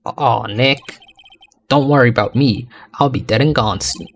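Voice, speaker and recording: A man's voice: medium pitch, unhurried, fairly bright tone, a little hiss or hum. A man voicing a lovesick young man in a courtroom game, whiny and melodramatic, in a put-on accent. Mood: mopey.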